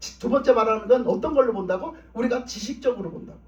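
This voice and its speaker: High-pitched fast-talking male pastor preaching. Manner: emphatic, repetitive preaching. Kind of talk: sermon. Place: church sanctuary. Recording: roomy, distant, dull church recording.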